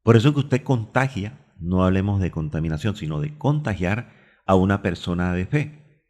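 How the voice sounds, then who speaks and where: A man's voice: low voice, lively intonation, moderate pace, a little mellow. A man with a Colombian Spanish accent preaching a radio sermon, stopping to look up Bible verses aloud and drawing out key words. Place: radio studio.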